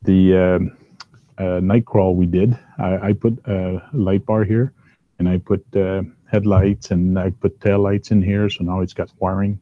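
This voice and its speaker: A man hosts a laid-back conversation from his home workbench downstairs, working on a hobby as he rambles, full of ums and uhs. He has a big, low-pitched voice with little pitch movement and an unhurried pace; the recording is echo-free but narrow and tinny.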